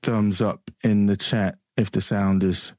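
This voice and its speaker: Male radio host with a lowish voice and a transatlantic accent, rambling and chatty, dry close sound. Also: little pitch movement, measured pace, warm tone, no echo. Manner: chatty, rambling, laughs often. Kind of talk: casual on-air banter.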